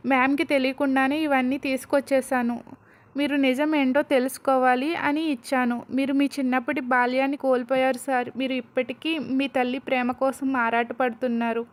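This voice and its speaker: A gentle young wife speaks softly and earnestly to soothe her husband, as a woman narrator reads her part. The voice stays high and plain, as in a spoken storybook. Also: little pitch movement, a little fast, lightly acted. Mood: consoling.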